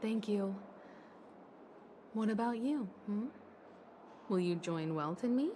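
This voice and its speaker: Poised, elegant leader. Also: female voice, mid-range voice, expressive, takes it slowly, warm tone, slight background noise. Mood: gracious. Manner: refined, formal. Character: poised, elegant, self-assured woman leader. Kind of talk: anime game voice acting. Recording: faint game music behind.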